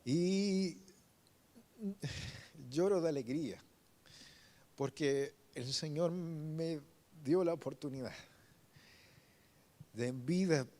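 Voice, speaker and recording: Emotional preacher telling a testimony. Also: male voice, a little high, dark tone. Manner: emotional, halting storytelling with many restarts. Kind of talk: sermon testimony.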